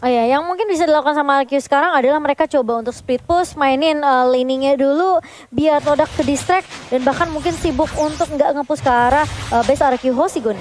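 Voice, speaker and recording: A woman with an Indonesian accent giving excited, urgent esports commentary in long run-on sentences. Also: high voice, fairly quick. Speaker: esports shoutcaster.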